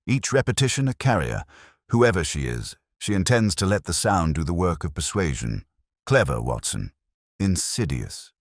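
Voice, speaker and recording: A man performs a brilliant gentleman detective for a mystery audiobook in a very low, grave voice. His phrasing is deliberate and incisive, and his intonation swings theatrically with big pitch movements. The heavily acted delivery feels intense and analytical, recorded cleanly in a studio with no echo.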